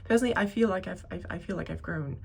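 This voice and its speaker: Talking fast in a lowish, gravelly voice, a thirties-aged woman rambles through an unscripted personal vlog for her viewers. She sounds hesitant and keeps correcting herself. There's a slight hiss or hum in the background.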